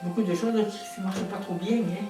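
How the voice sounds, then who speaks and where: A woman's voice: medium pitch, steady tone, fairly quick. A woman in her eighties, a former farmer, talking hesitantly and rambling with many fillers. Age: 80s. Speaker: elderly resident, former farmer. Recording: roomy, distant mic, music behind.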